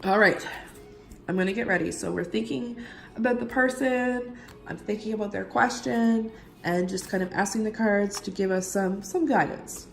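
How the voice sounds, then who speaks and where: Husky, creaky whiskey-voiced woman. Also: medium pitch, moderate pace, faint music behind. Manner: informal, conversational, talks directly to viewer. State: getting over a cold. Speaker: tarot reader giving a tutorial. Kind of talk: casual instructional chat. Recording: roomy echo, faint background noise.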